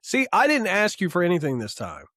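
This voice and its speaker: A man co-hosting a comic book podcast, talking loudly and excitedly, swearing a lot and laughing often. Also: sits high, fast talker, dry recording, clean studio sound. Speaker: podcast co-host. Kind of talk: casual chat.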